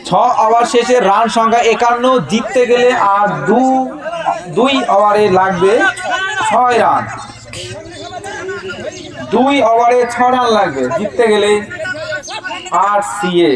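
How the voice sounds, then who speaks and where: A man's voice: high-pitched, slow pace, pauses often. A man giving live amateur cricket commentary outdoors, repeating phrases for emphasis. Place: outdoors at a local cricket ground. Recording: loud crowd behind. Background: match crowd.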